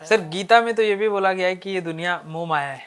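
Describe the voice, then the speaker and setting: A man's voice: high voice, brisk, fairly bright tone, smooth. A man hosting a casual podcast interview, asking short questions in a playful way. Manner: playful, laughs often, asks short questions. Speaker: podcast host.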